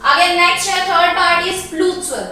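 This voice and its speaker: A woman's voice: very high voice, steady tone, a little fast, sharp tone. A woman teacher, giving a patient classroom lesson and checking in often. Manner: patient, repeats and checks with "theek hai". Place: school classroom. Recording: echoey room from a distance.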